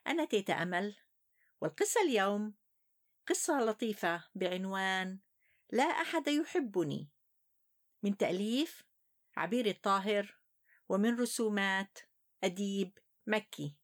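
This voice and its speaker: A woman's voice: medium pitch, animated, moderate pace, pauses often. A woman hosting children's stories in a grandma-style storytelling manner, speaking directly to young listeners. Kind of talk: grandma-style folk tale narration for children.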